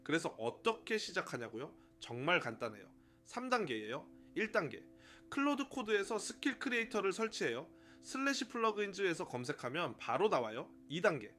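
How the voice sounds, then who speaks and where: A man narrating a scripted tutorial for his own channel in a brisk, upbeat, explanatory way, counting off numbered points. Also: sits high, sing-song, pushed and bright, faint music behind. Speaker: YouTuber running a one-person media channel.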